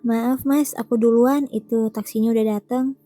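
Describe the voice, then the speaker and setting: Woman voicing a gentle wronged young woman. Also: on the high side, steady tone, moderate pace, faint music behind, close to an everyday voice. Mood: polite.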